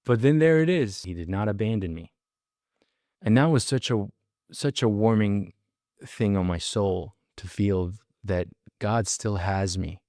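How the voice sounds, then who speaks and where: Recorded in a dry, clean studio, a man with a lowish, mellow voice speaks at a measured pace, testifying earnestly about his life. He leans on repeated phrases and elongated key words for weight.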